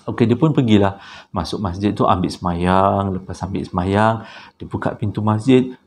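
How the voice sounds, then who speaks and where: A man with a Malaysian Malay accent telling a horror story in a conversational way, with tag questions and hushed tense moments. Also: lowish voice, moderate pace.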